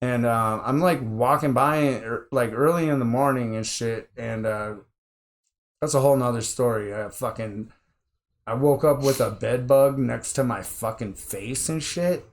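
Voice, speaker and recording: A man's voice: mid-range voice, measured pace, slight background noise. A man in casual conversation telling a rambling story, swearing constantly and acting out his own quotes. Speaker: interview guest.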